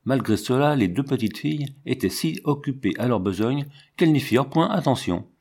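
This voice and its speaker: A man narrating a classic storybook in a steady, measured reading. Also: medium pitch, breathy edge. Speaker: audiobook narrator.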